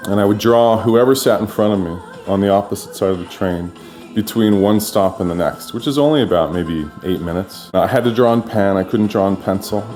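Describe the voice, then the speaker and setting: A middle-aged man, an artist, telling personal stories in a relaxed, chatty way with many fillers, recorded in his studio. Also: lowish voice, fairly quick, soft background music. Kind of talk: casual personal storytelling. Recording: roomy studio echo.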